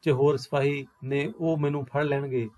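A man's voice: on the high side, fairly even intonation, normal speed, warm tone, close to an everyday voice. A man reading aloud as a timid, fearful village lad pleading with a policeman.

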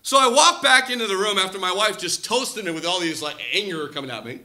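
A man in his thirties preaching a sermon through personal stories, animated and acting out quoted voices. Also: high voice, fast. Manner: animated, acts out quoted voices, shouts for effect. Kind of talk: storytelling sermon.

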